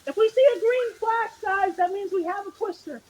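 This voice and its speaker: Very high-pitched, excitable woman storm chaser. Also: moderate pace. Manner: excitable, shouting and whooping. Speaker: amateur storm chaser filming a video. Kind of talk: excited live storm commentary. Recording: noisy outdoor storm recording with rain. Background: rain and storm ambience.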